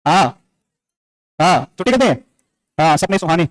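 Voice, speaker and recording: A man's voice: fairly high pitch, very animated, moderate pace. A male teacher giving a classroom lecture, firing off questions and answering them himself, scolding and joking with the students in between. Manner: drills facts with repeated questions and answers.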